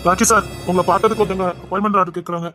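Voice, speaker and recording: A woman's voice: medium pitch, fairly even intonation, very fast, fairly bright tone, faint music behind. A woman acting in an audio drama, speaking politely and deferentially.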